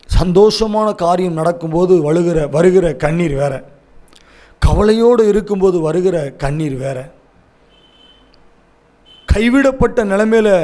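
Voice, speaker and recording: A man's voice: sits high, darkish tone. A man preaching a prophetic sermon in a Tamil Nadu Tamil accent, repeating his pleas again and again. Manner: repetitive, pleading exhortation.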